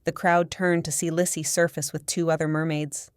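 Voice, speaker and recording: A woman narrating a first-person audiobook in a steady, measured storytelling manner. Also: deep voice, smooth, no room sound, clean studio sound.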